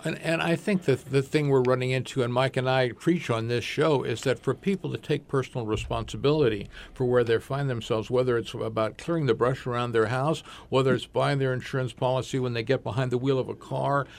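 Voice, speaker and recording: Casual. radio host guy, earnest, a bit gravelly, keeps repeating "and, and". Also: medium pitch, steady tone, brisk, few pauses. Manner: earnest, repeats words while thinking. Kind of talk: talk radio hosting.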